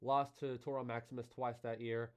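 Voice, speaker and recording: A man hosting a live stream, talking with excitable, animated swings in volume and pitch, and a little out of breath. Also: moderate pace, clear, resonant tone. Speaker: livestream host.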